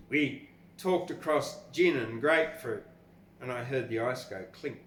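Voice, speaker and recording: This older Australian host, mid-range and fairly bright in tone, reads poetry expressively and comments on it casually on his podcast. He comes across as rambling, blunt and informal. Faint noise sits behind him in an echoey room.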